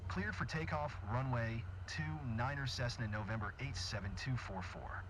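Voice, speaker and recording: A man voicing an airline pilot speaking over the cockpit headset, giving clipped radio calls and steady cabin announcements over engine rumble. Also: lightly acted. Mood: routine. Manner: even, procedural, unhurried.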